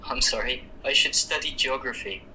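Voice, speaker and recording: A man's voice: medium pitch, normal speed, pushed and bright, slight background noise, poor audio. A man reading a scripted small-talk part in a listening-test recording. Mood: curious. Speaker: speaker in a listening-test dialogue.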